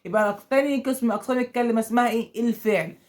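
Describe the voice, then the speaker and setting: An extremely high-pitched, very fast male voice with a darkish tone carries an Egyptian Arabic accent through a grammar lesson for schoolchildren. The man asks questions, answers them himself, and mimics the pupils' objections.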